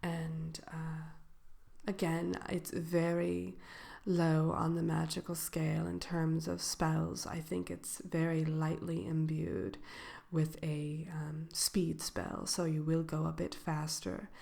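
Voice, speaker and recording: A woman voicing the Wicked Witch as a haughty yet gracious shopkeeper in a soft ASMR role-play, genteel and coy, often slipping into a whisper. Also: sits low, flat delivery, full character voice. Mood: unhurried, confiding. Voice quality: creaky, breaking into whisper. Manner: unhurried, hesitant pauses, genteel, coy.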